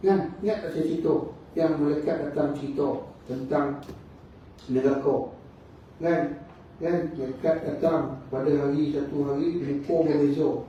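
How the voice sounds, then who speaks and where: A man's voice: on the high side, fairly even intonation, measured pace, warm tone, slight background noise. A male religious teacher with a Malaysian Malay accent gives a mosque lecture, telling stories, acting out the dialogue and checking with the crowd. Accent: Malaysian Malay, Negeri Sembilan. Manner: storytelling, acts out dialogue, asks the crowd "kan?". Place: mosque hall. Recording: echoey room from far off, dull.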